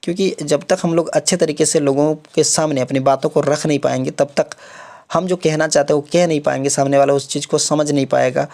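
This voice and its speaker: A man's voice: fairly high pitch, steady tone, brisk, vocal fry, darkish tone. A young man giving a casual exam-prep lecture, filling his explanations with repeated check-ins and English terms. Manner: repeats "theek hai" often, mixes English terms into Hindi. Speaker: online exam-prep tutor.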